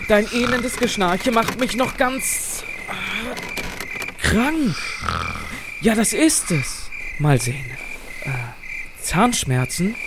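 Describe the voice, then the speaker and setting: A mischievous boy in an audio drama, cheeky and theatrical. The delivery takes its time, grumbling and scheming at a medium pitch. Clear ambient noise with insects sits behind the voice.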